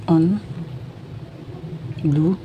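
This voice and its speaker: A Filipino vlogger talks informally to her viewers while unboxing and demonstrating a product. Her voice is low and steady, and she speaks extremely slowly, with background noise audible.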